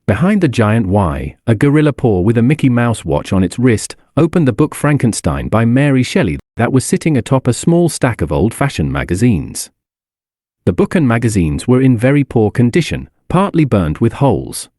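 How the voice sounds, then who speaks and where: A man reading a story aloud as narrator, in an expressive, lively way. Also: mid-range voice, moderate pace, no room sound, clean studio sound.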